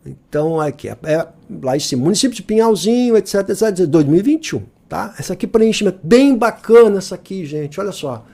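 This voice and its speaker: Male teacher, higher voice, jokey and lively, talks straight to the viewer. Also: quick pace, creaky. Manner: lively, joking, asks the viewer questions often. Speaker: Portuguese teacher. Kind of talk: exam-review lesson.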